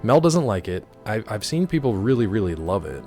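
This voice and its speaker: A man with a fairly low voice streams a video game. His delivery is lively and jokey, rambling along in casual commentary with music faintly behind him. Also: a little fast. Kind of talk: casual gameplay commentary, chatting with viewers.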